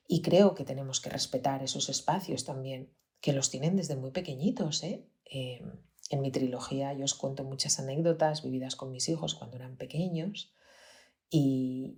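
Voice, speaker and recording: A pediatrician with a Peninsular Spanish accent hosts a podcast, telling a personal story in a strikingly low, deep, darkish voice. Her manner is earnest and reflective, and she often sinks to a near-whisper.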